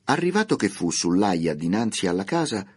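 A man narrating a classic children's story for radio, reading in a measured, expressive way. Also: low voice, breathy edge.

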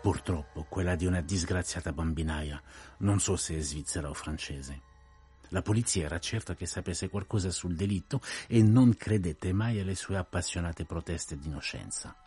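An actor playing a precise, courteous older detective in a radio play, telling events in a measured, grave way. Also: male voice, deep voice, mellow, husky, soft background music.

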